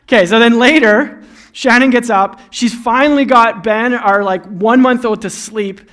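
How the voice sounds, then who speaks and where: A young man delivers a sermon in a casual, anecdotal style. His voice sits high for a man. He moves easily between scripture and everyday stories, sounding like a pastor talking with his own congregation. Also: normal speed, a bit bright. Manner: conversational, storytelling with laughs.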